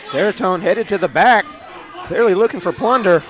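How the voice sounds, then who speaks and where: A man's voice: high-pitched, moderate pace. Male wrestling co-commentator over a crowd. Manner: play-by-play naming moves and wrestlers.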